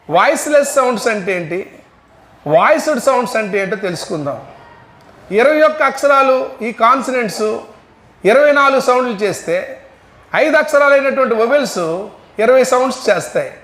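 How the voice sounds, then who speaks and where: A man's voice: extremely high pitch, a bit bright, reverberant. A man teaching an English phonetics lesson, patiently drilling sounds one by one and repeating them for his students.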